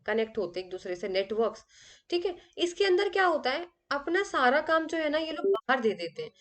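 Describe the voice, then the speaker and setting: A woman teaching an exam revision lesson. She reads English questions slowly, then explains them in Hindi with everyday examples. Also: sits high. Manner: explains with everyday examples, calls students "beta".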